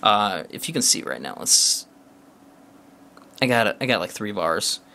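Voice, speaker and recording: Man, bright tone, casual phone review, chatty, lots of fillers. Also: fairly low pitch, very animated, unhurried, creaky. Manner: chatty and loose, many uh fillers and restarts; talks along while tapping through a phone. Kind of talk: casual product demo.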